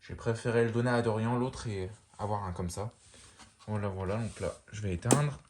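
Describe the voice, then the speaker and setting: Guy rambling on about a lamp he collects, relaxed, lots of um and restarts, bit of background hiss. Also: fairly low pitch, normal speed. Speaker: lamp collector showing a fixture. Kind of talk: casual show-and-tell narration.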